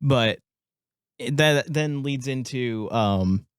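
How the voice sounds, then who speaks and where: A man's voice: medium pitch, takes it slowly, clear, resonant tone, dry recording, studio quality. A man co-hosting a podcast, chatting casually about a film, laughing often and acting out lines. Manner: laughs often, acts out lines in put-on voices. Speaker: podcast co-host.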